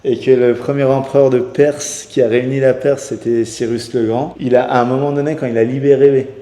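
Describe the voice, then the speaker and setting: A man's voice: mid-range voice, level tone, a little fast, warm tone. A man hosting a casual interview chat, talking enthusiastically with many restarts. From Iranian heritage. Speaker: host. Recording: echoey room with long reverb.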